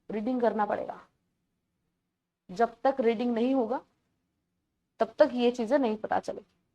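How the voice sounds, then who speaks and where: A woman teaching grammar in an online exam-prep class, explaining patiently in Hindi mixed with terms, repeating key words and calling her students beta. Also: a little high.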